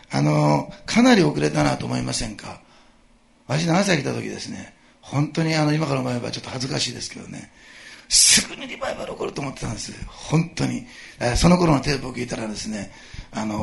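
A middle-aged man preaching a sermon to his congregation in an animated way, chuckling and asking his listeners questions. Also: mid-range voice, creaky. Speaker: pastor.

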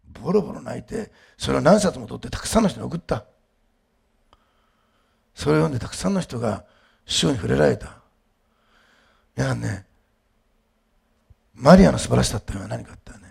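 A male pastor preaching a sermon, moving between quiet storytelling and loud, emphatic declarations. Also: mid-range voice, creaky, husky.

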